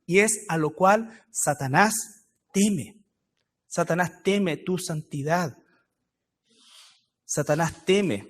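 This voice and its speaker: Chilean preacher, emphatic repetition. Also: male voice, on the high side. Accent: Chilean Spanish. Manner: explanatory, repeats key phrases for emphasis. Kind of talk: Bible study sermon. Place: church.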